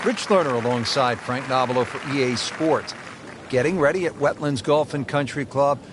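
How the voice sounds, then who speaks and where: A man playing a smooth golf play-by-play announcer. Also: medium pitch, moderate pace, noisy background, close to an everyday voice. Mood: measured. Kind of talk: golf broadcast commentary.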